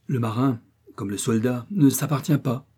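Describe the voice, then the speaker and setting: Man doing a gentle noble mum voice, earnest, mellow and a bit husky. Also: mid-range voice, moderate pace, close to an everyday voice. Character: gracious noble mother, captain's wife.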